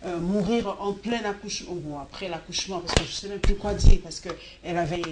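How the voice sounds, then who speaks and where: A woman hosts a talk panel. She interjects with brisk follow-up questions, and there is crowd chatter behind her. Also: on the low side. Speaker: talk show host. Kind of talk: moderating a panel.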